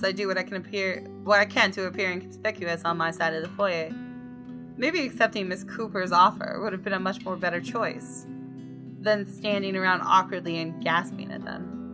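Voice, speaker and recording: A woman who creates gaming videos reads visual novel narration aloud in a lowish voice. She tells the story dramatically while throwing in casual asides.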